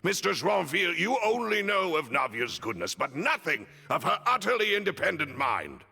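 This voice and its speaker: A man's voice: fairly high pitch, big pitch swings, moderate pace, vocal fry, bright, forceful tone, slightly rough, exaggerated voice. An actor voicing a formal, earnest retainer loyally defending his lady in a video game. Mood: firm, protesting. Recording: long hall reverb, music underneath.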